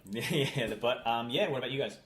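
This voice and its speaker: A man's voice: medium pitch, normal speed. A man co-hosting a casual film review chat, enthusiastic as he works through his list. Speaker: podcast co-host. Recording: echoey room.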